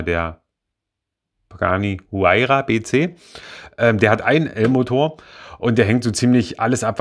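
A young man casually reviewing a toy car model, rambling with many fillers and self-corrections. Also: lowish voice. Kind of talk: casual spoken product review.

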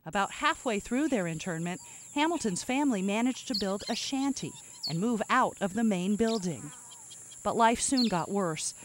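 Female documentary narrator, mid-range pitch, matter-of-fact scripted read over slight background noise. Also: expressive, normal speed.

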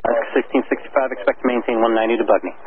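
A man's voice: medium pitch, fairly even intonation, very fast. A man working as an approach air traffic controller, giving clipped instructions over an aircraft radio with static. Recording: narrow radio band with faint static.

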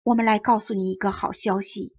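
A woman voicing a kind lady of the house who speaks gently, with a trembling voice. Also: mid-range voice, steady tone, brisk, breathy edge, dry recording, close to an everyday voice. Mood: tremulous. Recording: dull lo-fi audiobook recording.

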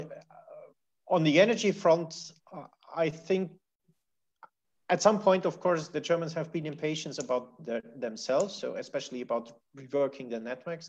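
A man speaking as a policy analyst on a discussion panel, measured and analytical, often pausing and restarting his sentences. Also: on the high side, darkish tone. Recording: muffled lo-fi audio.

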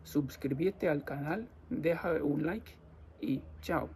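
An Australian man with an Australian accent, explaining everyday phrases to viewers in slow, careful non-native Spanish and repeating his examples. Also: on the high side, darkish tone, a little hiss or hum. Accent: Australian English. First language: English. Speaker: language teacher.

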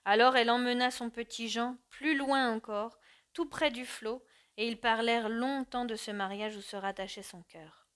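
Female audiobook narrator, measured expressive literary reading, somewhat high voice. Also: clear, resonant tone.

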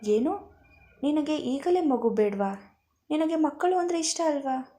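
A woman voicing a sensitive young newlywed wife who speaks softly and sulks when hurt, in a storybook reading. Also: sits high, animated, a little slow, pitched above the performer's own voice. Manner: soft, hurt, sulking.

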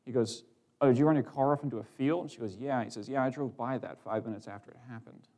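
A man's voice: medium pitch, fast, darkish tone. A man preaching to his congregation, telling a family story loosely with restarts and small laughs before turning to scripture. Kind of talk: sermon with personal testimony.

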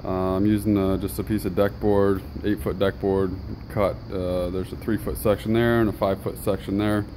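A man's voice: low-pitched, normal speed, background noise. A man casually walking through his homemade project in a basement, filming on a handheld phone, with lots of ums and uhs. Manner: relaxed, explanatory, many ums and uhs. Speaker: hobbyist maker demonstrating his build. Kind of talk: casual show-and-tell walkthrough. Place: home basement, indoors. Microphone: handheld phone camera.

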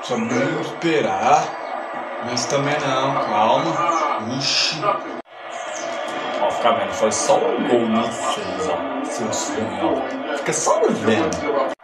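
Taunting man over loud music. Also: medium pitch, takes it slowly, roomy sound, poor audio. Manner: loud taunting, shouting insults. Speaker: comedy sketch creator narrating a video game match. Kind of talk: mock sports commentary over gameplay.

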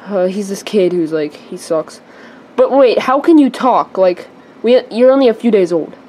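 Excitable kid big brother, rambling and fast-changing, played by a girl; mid-pitched, homemade toy movie. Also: close to an everyday voice, low-quality recording. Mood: chatty. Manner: rambling, full of "like" and restarts.

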